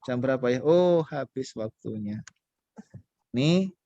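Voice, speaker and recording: A man's voice: mid-range voice, animated, slow pace, dark tone, no room sound, lo-fi sound. A man teaching a beginner Arabic class online, patient and coaxing, quizzing his students as he goes.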